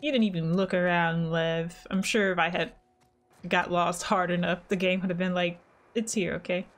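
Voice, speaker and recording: A woman's voice: lowish voice, steady tone, moderate pace. A woman doing casual, playful and chatty commentary as she plays a game. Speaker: gamer, let's player.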